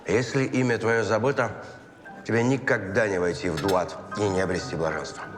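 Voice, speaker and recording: An actor playing a solemn, measured man expounding ancient lore in a period detective series. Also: lowish voice, steady tone, natural voice. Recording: reverberant hall with music behind.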